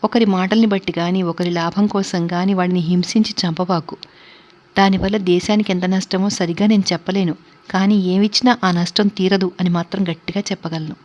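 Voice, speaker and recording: A woman voicing a gentle, wise elderly aunt who speaks softly and calmly, in a storybook reading. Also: lowish voice, brisk, natural voice. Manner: soft, soothing, calm. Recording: dull lo-fi recording.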